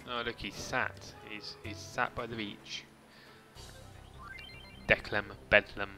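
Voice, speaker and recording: A man's voice: fairly low pitch, level tone, slow, music in the background. A man casually rambling through a game stream, chatting to viewers with mild swearing. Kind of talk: casual gameplay commentary.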